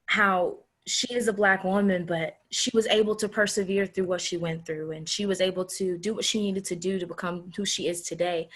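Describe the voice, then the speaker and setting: A teenage girl, a graduating senior, answering a panel interview over a video call in an earnest, measured way with emphatic repetition. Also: on the low side, fairly bright tone. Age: teens.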